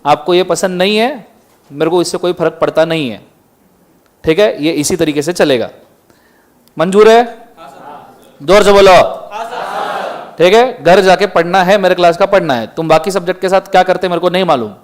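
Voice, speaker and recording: Man, high-pitched, stern classroom lecturer, quizzing students. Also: normal speed, long pauses. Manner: strict, scolding students, firing questions at the class. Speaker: law lecturer.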